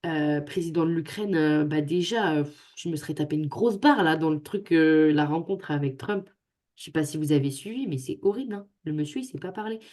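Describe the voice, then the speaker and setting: A woman's voice: low voice, a little mellow. A young woman tutoring students over a video call, chatty and joking at her own expense. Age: young adult. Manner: chatty, joking, self-mocking. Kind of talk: casual talk on a video call. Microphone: computer microphone on a video call.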